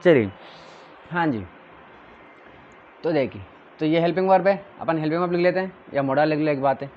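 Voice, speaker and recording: A man's voice: a little high, brisk, lo-fi sound, a little hiss or hum. A male teacher giving a classroom grammar lesson, drilling his students with questions and answers.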